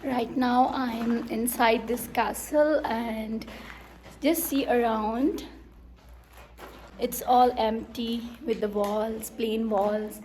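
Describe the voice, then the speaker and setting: A woman's voice: on the high side, fairly even intonation, extremely slow. A woman narrating a casual travel vlog outdoors into a handheld phone, chatty and upbeat, with many fillers and restarts. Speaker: travel vlogger. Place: outdoors, walking around a hilltop castle and lake.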